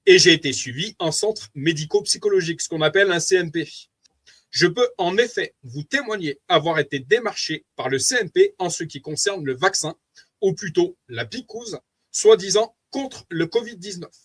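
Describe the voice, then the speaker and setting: A man's voice: sits high, expressive, moderate pace, fairly bright tone, breathy edge. A man with a French accent giving an earnest, preachy spoken testimony, reading from notes and commenting aloud to his wife.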